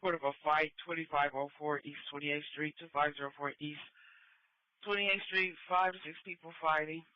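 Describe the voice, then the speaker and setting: A man's voice: on the high side, fairly even intonation, a little fast, clear, resonant tone, no room sound. A male police dispatcher heard over a police radio transmission, calling out unit numbers and addresses in a clipped way and repeating each one. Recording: dull lo-fi radio scanner audio.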